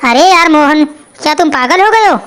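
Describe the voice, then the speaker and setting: A woman's voice: sits high, expressive, normal speed, fairly bright tone. Woman doing a brash, skeptical young village man. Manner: brash, scoffing. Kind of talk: cartoon voice acting.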